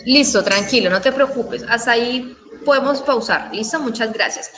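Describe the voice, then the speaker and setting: Patient Colombian woman teacher, high voice. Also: moderate pace, background noise. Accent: Colombian Spanish. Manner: patient, checks understanding with frequent questions. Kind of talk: online class explanation.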